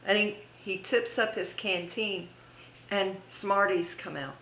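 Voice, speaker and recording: A woman's voice: mid-range voice, steady tone, slow pace, a bit bright. Effusive middle-aged woman in echoey room. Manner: effusive, laughs often, gushing praise. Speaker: interview guest, theme park haunt performer. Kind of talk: casual interview reminiscence.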